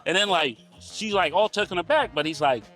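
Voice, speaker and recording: A man hosting a podcast, relaxed, telling stories and asking questions in a casual interview. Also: sits high, normal speed, faint music behind. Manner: relaxed, storytelling, asks questions. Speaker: podcast host.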